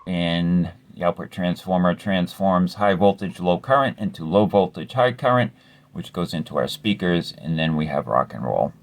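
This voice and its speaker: A man's voice: low voice, normal speed, slight background noise. A man hosting a casual repair tutorial, explaining step by step in a laid-back way with some mild cursing. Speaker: amplifier repair host.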